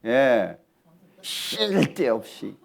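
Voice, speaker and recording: A man preaching a sermon in church, lively and talkative, often asking the congregation questions. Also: mid-range voice, very slow, vocal fry. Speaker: pastor. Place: church hall.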